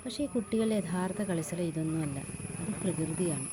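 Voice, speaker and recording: A woman reading a scripted voice-over narration in a measured, explanatory way. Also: lowish voice, background noise.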